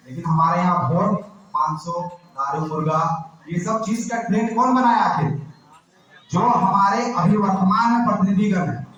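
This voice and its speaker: High-voiced man questioning a crowd, echoing room. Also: a bit bright, lo-fi sound. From Jharkhand, India. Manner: keeps firing rhetorical questions at listeners. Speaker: activist speaker. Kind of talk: public address to a gathering. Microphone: far from the mic. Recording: very echoey room, distant mic, faint noise.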